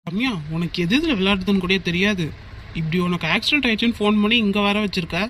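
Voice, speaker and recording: A man voicing Arun, a young man in an animated cartoon who scolds and then talks dazed and confused. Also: high voice, fast talker, a little hiss or hum. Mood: scolding.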